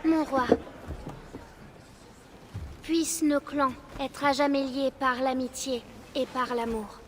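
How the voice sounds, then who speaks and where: A woman's voice: high voice, level tone, slow, background noise. A woman playing an earnest, dutiful young Viking child in a video game. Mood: earnest, formal. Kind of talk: dramatic video game acting. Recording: music behind.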